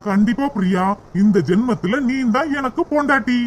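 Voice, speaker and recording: A tender young lover, very high. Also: male voice, lively intonation, normal speed, noisy background. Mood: soothing. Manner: tender, reassuring. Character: soft-hearted rich young man, devoted lover.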